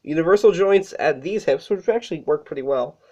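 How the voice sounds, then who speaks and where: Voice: mid-range voice, expressive, fairly quick, mellow. A toy reviewer talking casually through a hands-on review, sick and a little out of breath, with fillers and self-corrections. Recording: dull lo-fi recording.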